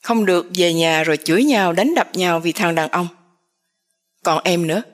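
Low, firm patriarch, lecturing, as a woman reads him. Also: normal speed, close to an everyday voice. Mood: stern. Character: stern older father, family head.

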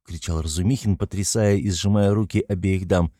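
A man narrating a novel as an audiobook in a measured tone. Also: sits low, steady tone, mellow, no echo, studio quality.

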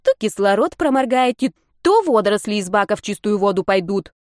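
A woman's voice: mid-range voice, expressive, fairly quick, darkish tone, no room sound, studio quality, close to an everyday voice. A woman reading an audiobook, voicing a stern, bossy female ship engineer who scolds the crew. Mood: scolding.

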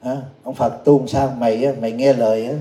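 A man's voice: mid-range voice, little pitch movement, a little fast, mellow, natural voice. A man voicing a bossy, blunt wealthy old woman who scolds, told inside a sermon in a roomy space. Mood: scolding.

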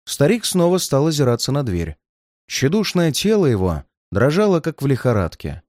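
Expressive male audiobook narrator. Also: mid-range voice, normal speed, dry recording, clean studio sound. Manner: expressive storytelling. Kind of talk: audiobook reading of a detective story.

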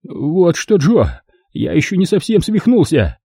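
Casting note: panicky mob casino boss, squeaky and shrill, read by a man. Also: sing-song, measured pace, creaky, dark tone, breathy edge, dry recording, studio quality, exaggerated voice. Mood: defensive. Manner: shrill, frantic insisting. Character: hysterical middle-aged male casino boss. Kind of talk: audiobook character voice.

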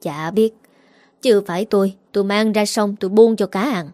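Brief: woman reading as a sharp-tongued gossiping villager, contemptuous, dry sound. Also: medium pitch, normal speed, no room sound, close to an everyday voice. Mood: scornful. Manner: scornful, mocking.

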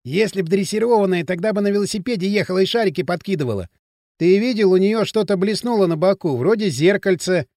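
A cocky teenage street lad who bosses his friend around in mocking slang, as a male audiobook narrator puts him on. The voice sits high and swings freely up and down, recorded close and dry. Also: animated, fast, mellow, dry recording. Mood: excited. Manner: brash, mocking, pushy slang. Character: cocky bossy teenage boy from town outskirts. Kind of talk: audiobook character voice.

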